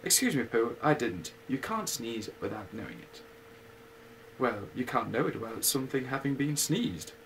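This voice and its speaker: A man's voice: mid-range voice, sing-song, moderate pace, a bit bright, slight background noise, poor audio. A man doing a pompous old owl. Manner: pompous, formal. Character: pompous wise old male owl, fond of long words.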